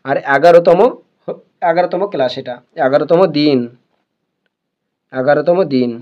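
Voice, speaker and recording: A man with a high voice teaches a beginners' reading lesson. He sounds each word out patiently and says it again and again before moving on. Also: muffled recording. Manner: slow, repeats words over and over.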